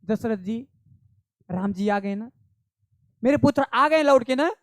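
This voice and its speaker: Grieving old king, anxious and pleading, smooth voice, slow delivery , read by a male teacher. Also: extremely high pitch, animated, fairly bright tone, no echo, studio quality, heavily acted. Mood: anguished. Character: grieving old king calling for his son.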